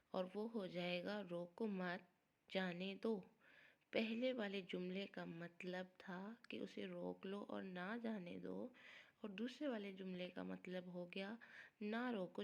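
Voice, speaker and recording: Gravelly-voiced woman teaching children. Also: mid-range voice. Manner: patient, explains and repeats for children. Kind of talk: primary school grammar lesson.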